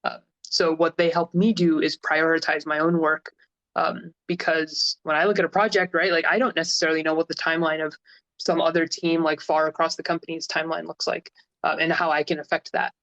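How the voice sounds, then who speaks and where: A man's voice: a little high, flat delivery, brisk, gravelly, a bit bright, no echo. A man hosting a casual livestream chat, talking with lots of fillers and restarts. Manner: chatty, frequent fillers and restarts. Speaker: host. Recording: lo-fi stream audio.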